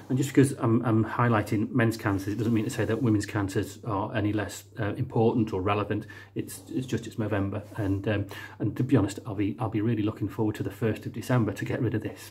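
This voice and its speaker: A man with a slightly husky voice talks casually to the camera. His pitch sits in an ordinary middle range. He hesitates constantly, filling gaps with ums and restarting his phrases. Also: a little mellow. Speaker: amateur singer, channel host.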